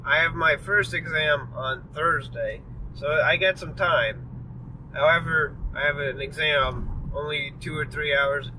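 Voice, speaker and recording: A young man whose voice sits on the high side, sharp in tone, talks at a measured pace in his driving vlog. He's exhausted and yawning, rambling with fillers and apologies inside a moving car, and road noise is plain on the distant mic.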